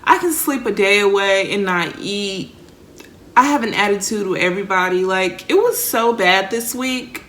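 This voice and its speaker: A young Texan woman vlogger, medium-pitched and a bit bright at normal speed, rambles candidly to her viewers. It's a heartfelt, emotional personal rant to camera.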